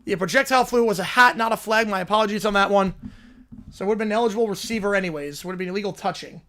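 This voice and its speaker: A man in his twenties from Long Island, New York, casually calls a football game play by play on a livestream, answering viewer questions between plays. His voice is high, bright and forceful, and he speaks at a racing pace.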